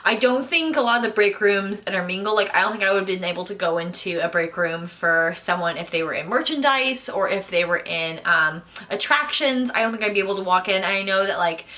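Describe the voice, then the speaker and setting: Bright chatty young woman. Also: medium pitch, brisk, few pauses. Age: 20s. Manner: chatty, lots of fillers like "um" and "like". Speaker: vlogger answering viewer questions. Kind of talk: casual Q&A talk to camera.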